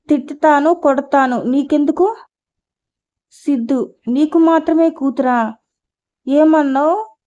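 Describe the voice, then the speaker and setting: A woman reading a novel aloud, voicing the narration and every character's dialogue in one steady voice. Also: sits high, lo-fi sound. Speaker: storyteller.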